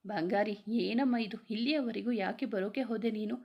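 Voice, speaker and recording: A woman's voice: mid-range voice, normal speed, gravelly, lo-fi sound. A woman voicing a playful young male police officer who coaxes and teases his wife. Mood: affectionate coaxing. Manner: playful, coaxing.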